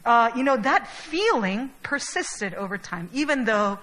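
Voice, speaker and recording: A woman's voice: fairly high pitch, sing-song, measured pace, fairly bright tone, low-quality recording. A young adult woman from Chile giving a sermon in a casual, chatty way, with many fillers. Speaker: preacher.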